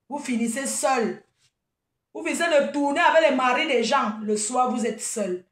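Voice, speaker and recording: Combative woman, high and mocking, recorded off-mic in an echoey room. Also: recorded from a distance. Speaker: event promoter. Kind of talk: live video rant.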